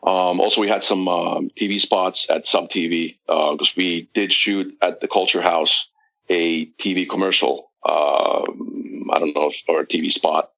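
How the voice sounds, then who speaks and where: A man's voice: low voice, steady tone, measured pace, vocal fry, fairly bright tone, rough recording. A man, a guest on a casual podcast, recounting at length with many fillers and restarts. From United States. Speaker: guest, wrestling promoter.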